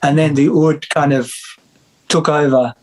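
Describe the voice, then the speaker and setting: A middle-aged man with an Australian accent talks through a video-call interview. His voice sits a little higher than usual for a man. He rambles easily, pausing on "uh" and reshaping sentences as he goes. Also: low-quality recording. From Australia (Victoria). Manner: relaxed, rambling with many fillers and restarts. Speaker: musician and music teacher, guest. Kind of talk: casual interview chat.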